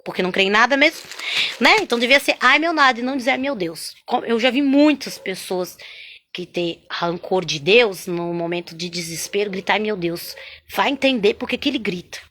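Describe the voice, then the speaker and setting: A woman sharing a spoken religious testimony, chatty and animated, constantly tagging her sentences with little questions to the listener. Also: medium pitch, a little fast. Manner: chatty, constant "né?" and "sabe?" tags; animated, swings between loud and hushed.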